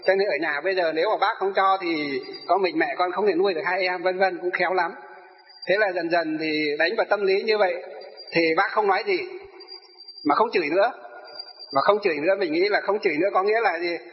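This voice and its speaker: High-voiced man, emphatic testimony. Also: fairly quick, slight background noise. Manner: emphatic storyteller, repeats key phrases. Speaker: spiritual master telling his life story. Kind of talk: personal testimony to an audience. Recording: long reverb, dull lo-fi sound.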